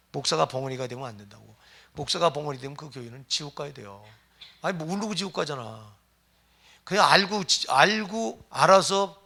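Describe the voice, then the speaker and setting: Emphatic gravelly-voiced male pastor preaching. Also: fairly high pitch, bright, forceful tone. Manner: emphatic, rhetorical questions to the congregation. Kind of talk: sermon.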